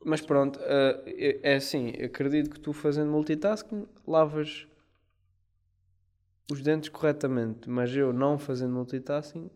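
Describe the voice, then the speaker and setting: A man's voice: fairly high pitch, little pitch movement, a little slow, darkish tone. A man with a European Portuguese accent, co-hosting a podcast and arguing his point in a mock-serious way. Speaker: podcast co-host. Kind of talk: casual chat.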